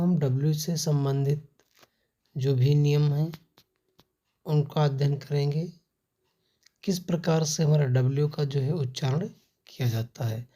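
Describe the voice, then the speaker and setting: Woman, English phonics teacher, low pitch, slow and deliberate, spells letter by letter. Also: mellow. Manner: spells letters one by one, then says the word.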